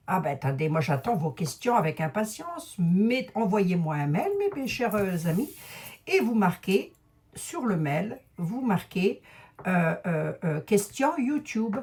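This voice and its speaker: Painting a room at home, this woman from Lorraine speaks with a low, slightly mellow voice in a relaxed monologue to her followers. She's a clairvoyant YouTuber who wanders off on tangents and talks straight to the camera audience.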